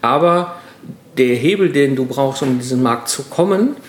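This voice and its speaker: A middle-aged man speaks as a podcast guest, mid-pitched and reflective. He talks things through at length, restarting his sentences and filling pauses. The room around him rings with noticeable echo. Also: lively intonation. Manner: reflective, explains at length with many fillers and restarts. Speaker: podcast guest, solo entrepreneur. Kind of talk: casual conversational interview.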